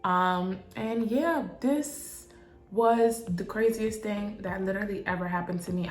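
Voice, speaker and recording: A young woman tells a storytime vlog in a lively, profane, emotional way. Her voice sits in an ordinary middle register. The room echoes noticeably, and faint music plays underneath. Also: mid-range voice. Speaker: vlogger.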